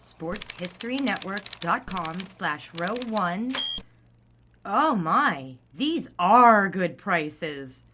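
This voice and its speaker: A woman's voice: mid-range voice, animated, drawn-out words, noisy background. A woman voicing a chipper young 1920s newspaper editor with breezy, wide-eyed chatter. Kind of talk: 1940s radio acting.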